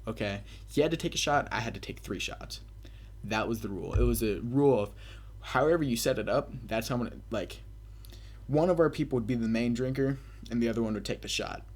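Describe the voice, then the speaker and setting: Speaking fairly quickly in a mid-range voice, a young adult gaming video commentator wanders through a casual story as though talking to his audience. He swears liberally, with crude bravado that pokes fun at himself.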